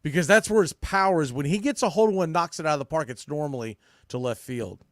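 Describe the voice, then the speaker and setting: On a sports podcast, a male host with a fairly high voice talks quickly, giving a blunt, opinionated recap. He rants with mild swearing and repeats phrases for emphasis, in a clean, dry studio recording with no room sound.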